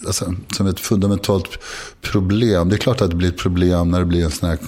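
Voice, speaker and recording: A man in his sixties talking frankly and confessionally, halting often and restarting his sentences. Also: deep voice, level tone, a little mellow. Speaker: guest. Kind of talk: candid personal conversation.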